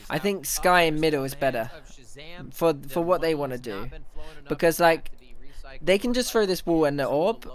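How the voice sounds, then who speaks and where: A man on a livestream, speaking into a headset mic with a slightly high voice. He breaks down the match in a fast, excitable run of thoughts. He often stumbles and restarts his sentences as he goes. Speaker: streamer analyzing an esports match. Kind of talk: casual live analysis commentary.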